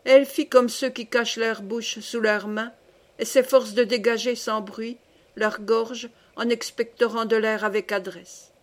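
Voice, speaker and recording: A woman narrating a classic short story with expressive, measured storytelling. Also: fairly high pitch. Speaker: reader. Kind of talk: scripted literary narration.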